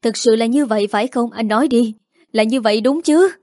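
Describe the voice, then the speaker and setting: A woman's voice: on the high side, fairly quick, a little mellow, no room sound, studio quality, lightly acted. A woman reading a storybook voices a young wife who answers in a distraught, defiant way.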